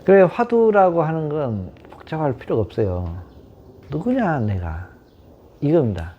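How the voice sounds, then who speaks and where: A man's voice: on the high side, sing-song, measured pace, slight background noise. A man giving a Buddhist dharma talk to a small group, questioning them and repeating key words. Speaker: meditation teacher. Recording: dull lo-fi sound.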